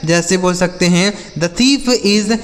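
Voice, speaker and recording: A man whose voice sits high teaches English vocabulary slowly, spelling words out and repeating their meanings several times over. He speaks at a slow pace, with a long reverb tail.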